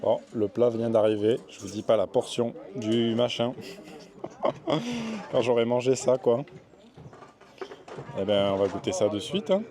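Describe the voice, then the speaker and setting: Strolling a small town and eating on a terrace, a male travel vlogger whose first language is French chats to camera, upbeat and thinking aloud. His mid-range voice has lively intonation, moving a little slowly with frequent pauses, and a crowd can be heard behind him.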